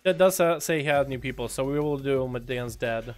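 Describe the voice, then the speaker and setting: A Russian-speaking man with an American accent streams game duels, chatting with viewers and delivering excitable play-by-play that turns to shouting at big moments. His mid-range voice is brisk and clean-toned, backed by soft music.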